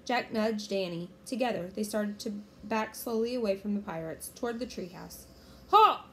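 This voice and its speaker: A woman reading a children's chapter book aloud in a clear, steady storytelling manner. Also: mid-range voice, normal speed, a little hiss or hum.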